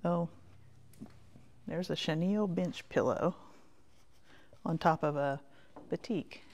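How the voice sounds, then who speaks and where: A woman takes it slowly as she walks through a quilt shop, her fairly low voice carrying a darkish tone. Her tour commentary is casual and rambling, made of short, folksy lines that fade out.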